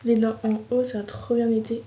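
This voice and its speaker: A woman's voice: on the high side, level tone, a little fast, warm tone. A woman chatting casually to camera in slangy, informal speech, her mouth sore and swollen after wisdom teeth removal, complaining lightly. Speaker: vlogger.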